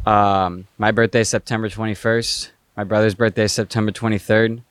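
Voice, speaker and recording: A man hosting a podcast, chatting in a relaxed way with short affirmations. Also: lowish voice, fairly quick, smooth, no room sound, studio quality. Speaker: podcast host. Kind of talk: casual podcast conversation.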